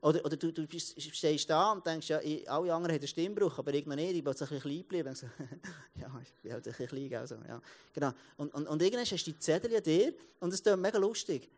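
With a fairly high pitch and a fast delivery, this thirty-something pastor with a Swiss German accent tells stories during a relaxed sermon. He keeps backtracking, restarting and repeating words in his lively telling.

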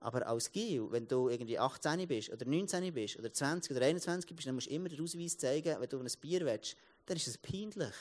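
A man's voice: medium pitch, quick pace. A man in his thirties with a Swiss German accent, giving a casual sermon as a pastor, telling stories with many restarts. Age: 30s. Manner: lively storytelling, many restarts and repeated words.

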